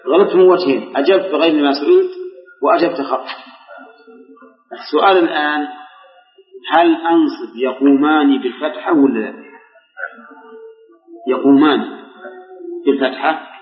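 An older man teaching grammar to a class, quizzing students and slowly repeating examples. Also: on the high side. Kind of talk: classroom lesson with questions to students. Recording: echoey hall, dull lo-fi recording.

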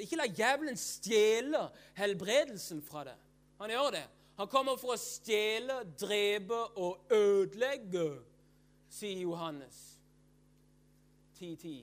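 A man's voice: sits high, fairly bright tone. A man preaching a sermon with fervor and emphasis. He asks and answers his own questions, repeats phrases and keeps breaking into hallelujahs.

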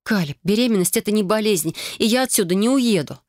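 Brief: stubborn young wife, sharp exasperated lines, read by a woman, dry. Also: mid-range voice, lively intonation, fast, no room sound, voice pushed up, close to an everyday voice. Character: young heroine wife, quick-tempered and stubborn.

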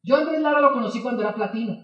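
High-voiced man telling stories in a hall. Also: very fast. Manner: animated, acts out both sides of dialogues. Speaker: motivational speaker. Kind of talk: storytelling talk to an audience. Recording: echoey hall, distant, dull sound.

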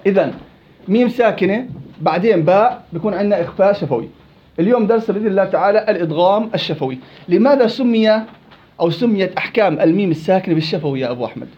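A high-voiced man runs a Quran recitation lesson at a fast clip, calling on his students by name. He moves quickly from question to question. The recording is dull and lo-fi. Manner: lively, quizzing students by name. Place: indoor study circle.

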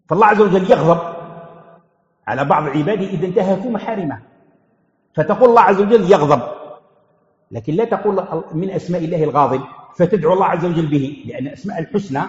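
A man's voice: high voice, darkish tone. A man teaching a religious lesson as a sheikh, asking questions and answering them himself and repeating key phrases. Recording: echoey hall, dull lo-fi sound.

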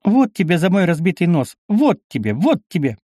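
A man voicing a lively, shy but spirited teenage village girl in an audiobook. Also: a little high, moderate pace, no room sound, clean studio sound, pitched above the performer's own voice, natural voice. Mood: playful.

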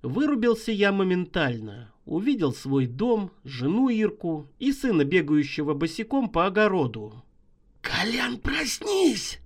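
A man reading a horror story aloud as an audiobook narrator, expressive and vivid. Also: high-pitched, moderate pace, few pauses.

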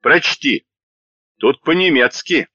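A man's voice: medium pitch, animated, slow, sharp tone, no room sound, muffled recording, voice pushed up, exaggerated voice. A man voicing a coarse, brutal male Red Army squad leader who barks orders and mocks his captive. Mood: barking. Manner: barking, menacing, mocking.

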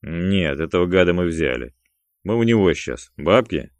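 Calculating male gangster, dry and curt, voiced by a man with a deep, louder-than-narration delivery. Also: animated, normal speed, no room sound. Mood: deferential. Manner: dry, curt, mocking, snapping when angry. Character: cool, calculating male gangster boss of the pair.

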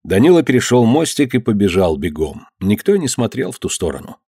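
A man narrating an audiobook of a historical tale in an expressive storytelling manner. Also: fairly low pitch, brisk, slightly rough, no echo, clean studio sound.

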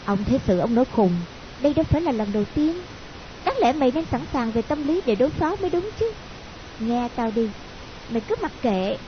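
A man's voice: extremely high pitch, lively intonation, fairly quick, voice pushed up. A man voicing a blunt, bossy young woman friend, scolding and coaxing by turns. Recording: dull lo-fi audio with hiss.

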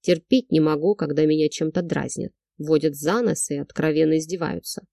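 A woman's voice: steady tone, fairly quick, gravelly, dark tone, no echo, studio quality. A woman voicing a brash, possessive young man who hisses and growls his lines in an insinuating, domineering way. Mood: menacing. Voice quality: low hissing, growling delivery.

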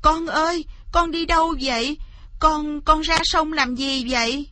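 A woman's voice: a little slow, a little hiss or hum, natural voice. A woman storyteller voicing a poor, anxious mother who pleads and cries out in a raised voice. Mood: anguished. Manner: pleading, crying out high.

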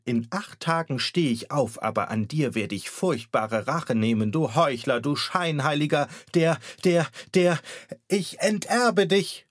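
A man's voice: lowish voice, animated, slow, hardly any pauses, fairly bright tone, no room sound. A man voicing a furious, sickly old woman who shrieks threats and gasps for breath. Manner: shrieking, gasping.

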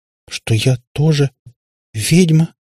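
A man's voice: fairly high pitch, brisk, darkish tone, breathy edge, no echo, voice pushed up. A man voicing a small, frightened girl who stammers and pleads, close to tears. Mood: timid, pleading.

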